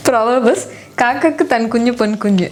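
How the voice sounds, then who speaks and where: Higher-pitched, quick woman with a Tamil accent. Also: over loud music. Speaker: challenge video co-host. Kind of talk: casual bantering chat, mixing Tamil and English.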